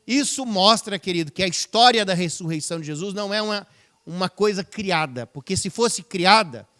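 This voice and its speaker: A man's voice: sits high, fairly bright tone. A man preaching a sermon in a church, talking conversationally and asking the congregation rhetorical questions. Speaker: pastor. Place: church service, livestreamed.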